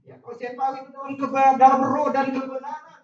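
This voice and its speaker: A woman with a high voice preaches a sermon, calling out questions for the congregation to answer and stretching key words into a singsong. She is picked up from a distance in a very echoey church hall. The sound is dull and muffled. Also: fast. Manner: call-and-response, singsong stresses, lively asides.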